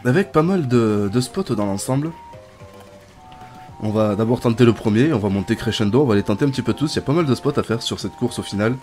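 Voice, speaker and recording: Soft background music plays as this young man comments on his gameplay in a relaxed, chatty way for his YouTube channel. His medium-pitched voice moves fairly quickly, breaking into excited shouts and laughter.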